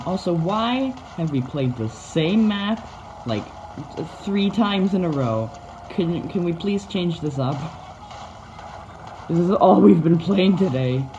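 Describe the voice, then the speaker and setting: Woman, low voice, gameplay commentator, playful and self-mocking, excited yelps; slightly dull recording. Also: a little hiss or hum.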